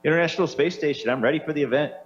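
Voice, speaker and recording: Higher-pitched man on a dull, humming downlink. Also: rapid-fire, slightly rough. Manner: hesitant, searching for words. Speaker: astronaut answering questions. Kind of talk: unscripted question-and-answer talk. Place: aboard a space station. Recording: slightly dull downlink with faint hum.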